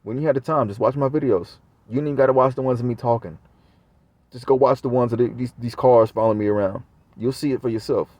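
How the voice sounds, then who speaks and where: A man's voice: mid-range voice, fast, a little mellow, dry recording. A man talking straight to his viewers in a casual monologue, rambling and swearing often. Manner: profane, rambling. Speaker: vlogger.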